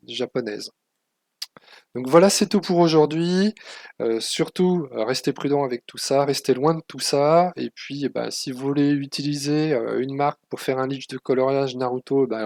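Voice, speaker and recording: A man's voice: medium pitch, creaky, darkish tone, no room sound, clean studio sound. A man hosting his channel, narrating a screen-share tutorial with many hesitations and a cautionary tone. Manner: hesitant, many fillers, warning tone. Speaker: channel host.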